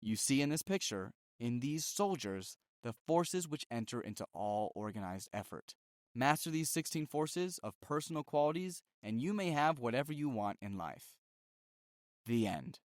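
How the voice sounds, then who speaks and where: Male audiobook narrator, measured and emphatic, lively pitch, dry close recording. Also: no echo. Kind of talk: scripted narration.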